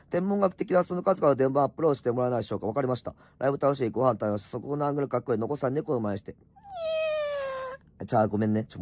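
A middle-aged man with a slightly hoarse voice rattles through viewer comments on a late-night home livestream. His speech is quick and lively and swings widely in pitch, with blunt, teasing replies and muttered asides. The sound is close and dry, with no room around it. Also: no echo. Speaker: streamer reading and answering viewer comments. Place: at home, wrapped in an electric blanket.

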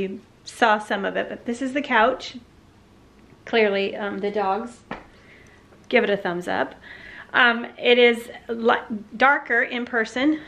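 Woman, 40s, Southern American accent, chatty home vlogger, slightly high voice, filmed at arm's length indoors. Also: vocal fry, pushed and bright. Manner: chatty, rambling with many fillers and restarts. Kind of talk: casual chat. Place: her living room at home, indoors. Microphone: handheld camera at arm's length.

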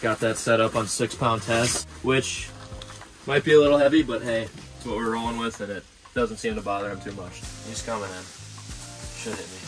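This is a young man with a mid-range voice, neither high nor low, talking his way through an ice fishing session. He keeps it relaxed and conversational and drops to a low murmur as fish come up. The shelter's wide camera picks him up, and music plays underneath. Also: poor audio. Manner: laid-back, often murmured low while reeling in fish. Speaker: fishing vlogger. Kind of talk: casual fishing play-by-play. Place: inside an ice fishing shelter on a frozen lake.

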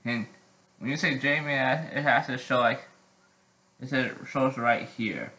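A teenage boy chatting casually in a vlog, halting with many restarts and frequent throat clearing. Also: mid-range voice, fairly even intonation, bright, forceful tone, roomy sound, low-quality recording. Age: teens. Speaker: vlogger.

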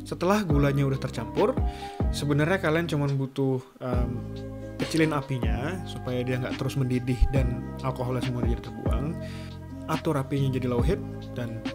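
A young man in his twenties giving a casual, chatty cooking tutorial in a home kitchen, filmed by a camera at a distance. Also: mid-range voice. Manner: relaxed, chatty, drawn-out words. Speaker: cooking vlogger. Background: loud music.

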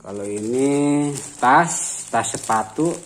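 A man's voice: medium pitch, slow. A man from Banten, presenting prize items in a casual, itemizing walkthrough. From Banten, Indonesia. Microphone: handheld phone behind camera. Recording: noisy phone recording with room ambience.

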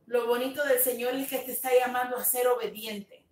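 A woman pastor speaking slowly and tenderly on a livestream, sharing a testimony and greeting viewers, sometimes slipping in English words. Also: fairly high pitch, steady tone, darkish tone, roomy sound, distant mic. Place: home room, dim. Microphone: phone on a live stream.

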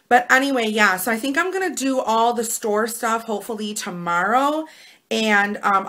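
A woman in her thirties with an American Midwestern accent and a raspy voice, chatting casually and in a rambling way to camera as a vlogger. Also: fairly high pitch, fairly bright tone.

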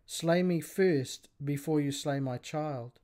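A man's voice: a little high, slow pace, warm tone. A man reading the lines of a grieving, defiant mother of seven sons in a story told aloud. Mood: pleading. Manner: pleading then defiant, read aloud.

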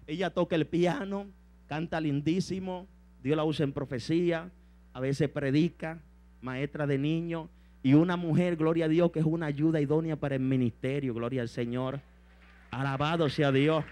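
A young adult man preaching a fervent sermon in a church, constantly dropping praises. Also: a little high. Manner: fervent, peppered with interjections of praise. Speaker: evangelist preacher.

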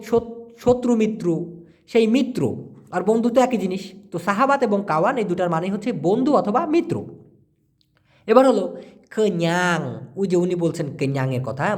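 A man from Bangladesh teaching language and answering viewer questions, spelling out and repeating words slowly. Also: sits high, a little mellow.

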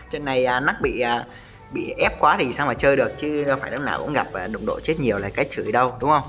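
A man giving live commentary over his own mobile game match, talking excitedly to viewers and firing off rapid repeated callouts. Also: medium pitch. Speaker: gaming streamer.

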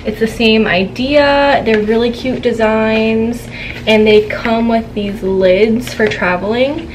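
Young woman vlogger, chatty and giggly haul talk, higher voice, background noise, home room, camera mic. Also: fairly even intonation, slow. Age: young adult. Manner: chatty, giggly, gossipy storytelling. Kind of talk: casual haul chat. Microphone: camera on a tripod, seated.

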